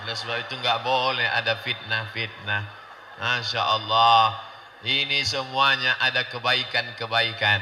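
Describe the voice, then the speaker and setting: A man preaching a lively sermon, joking and acting out anecdotes. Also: unhurried, slight background noise. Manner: jokey storytelling, jumps into high voices for quoted people. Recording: long hall reverb.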